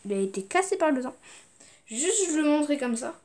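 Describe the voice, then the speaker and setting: A woman's voice: sits high, very animated, normal speed, a little mellow, a little hiss or hum. A young woman chatting casually as she shows her video game collection, hesitant, with many fillers and restarts. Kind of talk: casual unboxing chat.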